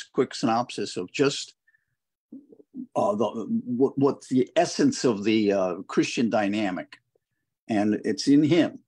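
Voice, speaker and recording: A man co-hosting a conversational Bible study over a video call, reflecting slowly and reading scripture verses aloud. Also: mid-range voice, breathy edge.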